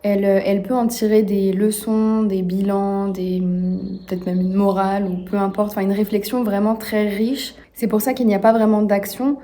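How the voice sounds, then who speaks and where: Young woman vlogging in a mellow voice. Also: mid-range voice, little pitch movement. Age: 20s. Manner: tries out foreign words slowly, sometimes under her breath. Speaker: vlogger learning a language. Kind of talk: casual vlog narration.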